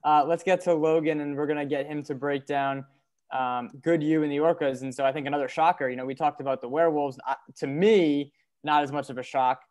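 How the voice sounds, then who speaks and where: A man's voice: fairly high pitch, steady tone, fairly quick, darkish tone. A young man hosting a casual sports recap show, steering the talk between guests over a video call with earbuds from a dim living room. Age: young adult. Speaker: host. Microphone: earbud headset on video call.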